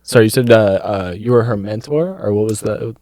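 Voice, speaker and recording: A man's voice: fairly low pitch, a little fast, darkish tone, no room sound. A man hosting a podcast, reading the intro and asking loose follow-up questions. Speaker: podcast host.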